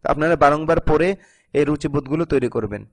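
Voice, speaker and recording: Man teaching Arabic grammar, fairly high voice. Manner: reads Arabic sentences then explains them slowly, with self-corrections. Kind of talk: recorded grammar lesson.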